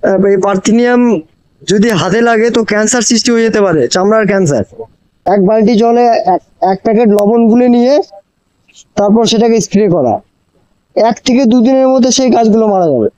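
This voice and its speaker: A man's voice: high-pitched, a little fast, dark tone, clean tone, no echo, low-quality recording. A man chats to viewers as a motorcycle vlogger, explaining and advising with repeated phrases, his voice enclosed inside a helmet. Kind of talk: casual riding vlog chat addressed to viewers. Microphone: moto vlogging helmet microphone.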